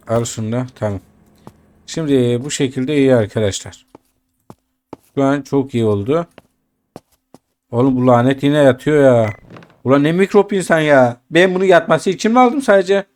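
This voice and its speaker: A man's voice: mid-range voice, darkish tone. A man talking through a video game for his channel in a loose, chatty way. He speaks straight to his viewers and keeps muttering complaints and curses at what happens on screen. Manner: chatty, addresses viewers, grumbles and swears at the game. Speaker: gaming YouTuber. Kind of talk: casual gameplay commentary.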